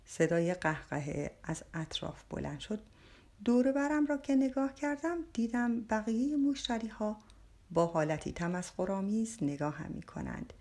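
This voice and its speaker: A woman's voice: mid-range voice, lively intonation, mellow. A woman narrating an audiobook in the first person, telling the story expressively.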